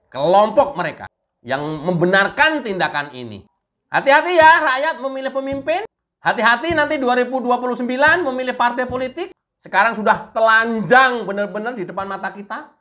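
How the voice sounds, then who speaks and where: Mocking woman with lively high voice. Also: brisk. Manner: mocking, emphatic, rhetorical questions. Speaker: political commentator. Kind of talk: political commentary monologue.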